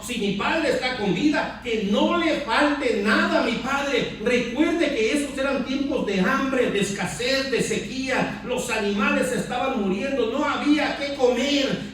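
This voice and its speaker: A high-voiced man preaching in an echoing hall. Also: a bit bright. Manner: dramatic retelling, acting out quoted lines. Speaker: pastor. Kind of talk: sermon. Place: church hall. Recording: echoey hall, mic from a distance.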